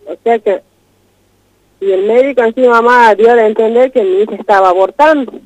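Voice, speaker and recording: A woman's voice: a little high, brisk, dry recording. A woman urgently retelling a distressing personal story as a radio guest, repeating herself as she goes. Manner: urgent, repetitive, retelling in a rush. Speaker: guest telling her story. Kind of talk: emotional first-person account. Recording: dull lo-fi radio broadcast.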